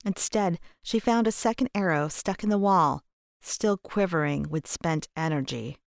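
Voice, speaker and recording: A woman narrating a story in a steady, even reading voice. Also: on the low side, measured pace, creaky, no room sound, studio quality. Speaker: audiobook narrator. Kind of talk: scripted narration.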